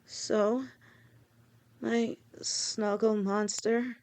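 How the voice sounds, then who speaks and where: Her voice a little high and level, a woman voices a young lamia girlfriend, snake-tailed and devoted, in an audio roleplay for the listener. She speaks softly and heartfelt to her partner, pausing and at times stammering.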